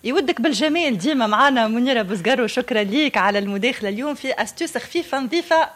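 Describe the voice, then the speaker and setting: A woman's voice: fairly high pitch, animated, rapid-fire, fairly bright tone. A woman with a Tunisian accent hosting a live radio show in a chatty style.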